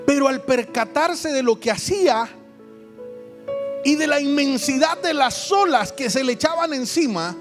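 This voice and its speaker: Honduran pastor, high-pitched, animated storyteller, music playing underneath. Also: male voice, measured pace. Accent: Honduran Spanish. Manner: animated storytelling, acts out voices and jokes. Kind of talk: lively sermon. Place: church hall.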